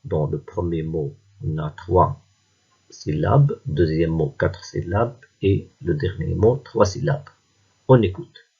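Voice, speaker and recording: A man teaching a reading lesson to young pupils, patient and pronouncing each word slowly one by one. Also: low-pitched, expressive, vocal fry, warm tone, breathy edge, highs cut off. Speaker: primary school teacher.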